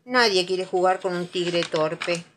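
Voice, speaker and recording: A woman's voice: very high voice, big pitch swings, moderate pace, fairly bright tone, a little hiss or hum, pitched above the performer's own voice, exaggerated voice. A woman voicing a friendly, eager male tiger in a children's storybook. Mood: sad. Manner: exclamatory, eager.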